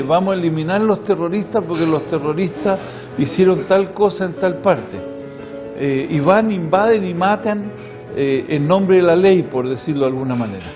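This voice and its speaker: A man speaking in a documentary interview, explaining and arguing his point. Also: sits high. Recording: music bed under the voice.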